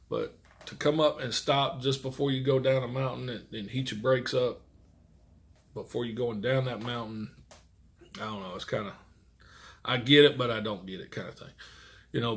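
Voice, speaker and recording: Talking to the camera in a casual, rambling way, this middle-aged man is a truck driver with a folksy manner who swears mildly. His mid-range voice is gravelly.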